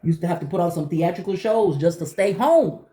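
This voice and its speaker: A middle-aged woman chatting casually to viewers while eating, telling stories in an animated way and acting out conversations. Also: on the low side, fairly quick. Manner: talking while eating breakfast. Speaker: vlogger.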